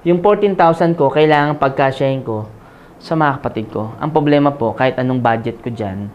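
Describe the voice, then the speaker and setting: A man's voice: medium pitch, a little mellow, muffled recording. A man in his forties giving a live seminar talk, joking and often asking the audience to agree. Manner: conversational, asks the crowd "Tama?" often; jokes and laughs while telling his story. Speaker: motivational speaker.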